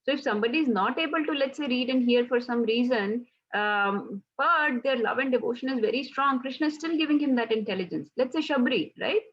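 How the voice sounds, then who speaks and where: Woman teacher for a class, husky voice, dull lo-fi sound, chatty with frequent "right?" check-ins. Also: fairly high pitch, brisk, hardly any pauses. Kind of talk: casual devotional class.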